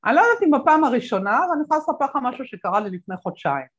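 A woman with a fairly high voice tells stories as an interview guest. She jumps into the voices of the people she quotes and fills her pauses with lots of hesitations. The sound is a little dull and lo-fi. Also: husky. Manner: animated, acts out quoted voices, many fillers. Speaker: guest speaker. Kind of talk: conversational interview storytelling.

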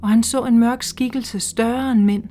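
A woman reading a literary short story aloud in a slow, hushed, measured way. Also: fairly high pitch, steady tone, a little hiss or hum. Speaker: reader. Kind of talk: scripted literary narration. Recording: faint music underneath.

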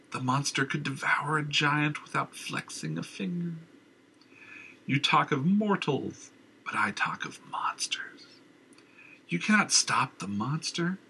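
A twitchy, haunted madman from a storybook, as a male narrator puts him on. He shrieks high and then sinks to breathy, rasping whispers, drawn out slowly. The sound is bright and husky. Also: full character voice, rough recording. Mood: menacing. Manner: wild cackling ravings, drops to rasping whispers. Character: raving mad old man, haunted and twitchy.

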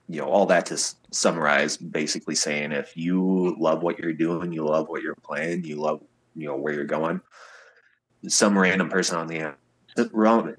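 Super deep guy with a husky voice, chatty storyteller on a podcast. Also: a bit bright. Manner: chatty storyteller, acts out quoted people. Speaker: singer-songwriter guest. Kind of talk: casual podcast interview chat.

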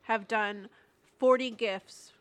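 A woman's voice: on the high side, fairly even intonation, slow, clean tone. A woman in her late thirties co-hosting a podcast, chatty and upbeat. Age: 30s. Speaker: podcast co-host. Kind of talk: casual chat.

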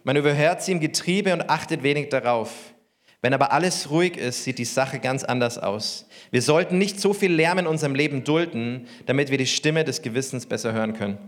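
A man's voice: mid-range voice, a little fast. A man preaching a sermon as pastor, talking conversationally and asking the congregation questions.

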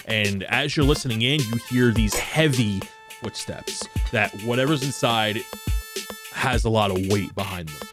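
A man as game master, narrating a tabletop game in a relaxed, descriptive way with casual fillers. Background music plays under his scene-setting. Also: fairly low pitch, unhurried.

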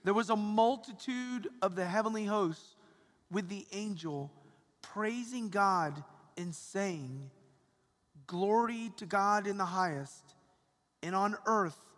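A man from Atlanta, Georgia, reads the Gospel as a priest at Mass. His slow, deliberate proclaiming sits a little high in pitch. A long cathedral echo trails every phrase through the large church. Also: a bit bright. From Atlanta, Georgia, USA. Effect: cathedral echo, long reverb. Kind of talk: Gospel reading at Christmas Mass. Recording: echoey church hall reverb.

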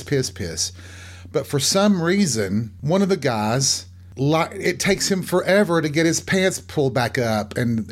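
A man hosting his own podcast, delivering a chatty, campy comedic monologue with self-mocking asides. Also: a little high. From American South. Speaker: podcast host.

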